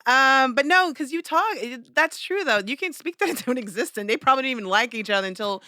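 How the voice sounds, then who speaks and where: A woman's voice: sits high, expressive, fast talker, sharp tone, no echo, studio quality. A woman with a Southern American accent, co-hosting a casual podcast and telling stories in an emphatic, affirming way. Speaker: podcast co-host. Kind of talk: casual chat.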